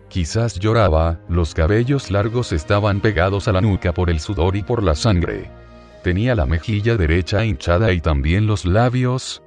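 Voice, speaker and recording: A man with a low voice narrates a visionary account in the first person, slow and deliberate. He lingers over each detail in a measured way. Soft music plays faintly behind him.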